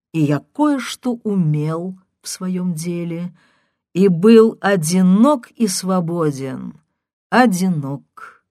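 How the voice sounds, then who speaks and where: A woman reads a literary audiobook in a slow, measured, calm voice that sits fairly low. The recording is dry and close, with no room sound. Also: no echo. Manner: measured, calm first-person storytelling. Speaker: audiobook narrator.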